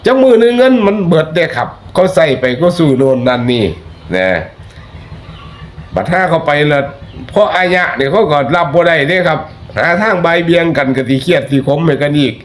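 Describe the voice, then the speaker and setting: A man's voice: on the high side, lively intonation, fairly quick, a little hiss or hum. A man with an Isan accent giving chatty, folksy spoken commentary that turns into preachy warnings to his listeners. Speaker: online commentator.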